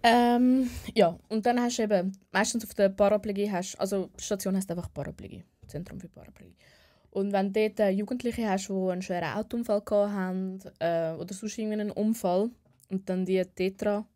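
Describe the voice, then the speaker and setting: A woman's voice: mid-range voice, a little fast, dark tone. A young woman with a Swiss German accent, a nurse talking frankly and casually on a podcast, restarting sentences and laughing easily. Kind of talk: casual chat.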